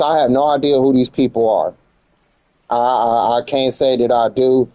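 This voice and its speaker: In poor audio with no echo, an American man with a mid-range voice streams live, making casual commentary chat. His speech is slangy and he repeats phrases to emphasize them.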